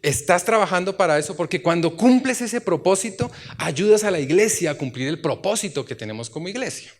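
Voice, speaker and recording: Preacher with a high-pitched voice. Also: male voice, lively intonation, a little fast. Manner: conversational, asks the congregation rhetorical questions, bursts into loud exclamations. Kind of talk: sermon. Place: church.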